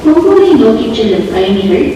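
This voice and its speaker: A woman giving a recorded train station announcement over a loudspeaker, in slow, measured, polite phrasing. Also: a little high, very animated. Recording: echoey far loudspeaker in noisy station. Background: station ambience.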